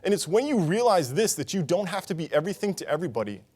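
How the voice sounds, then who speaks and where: A man's voice: high voice, sing-song, quick pace, a little mellow. A young man giving a conference talk, telling a personal story in an earnest way on a conference stage. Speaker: conference speaker.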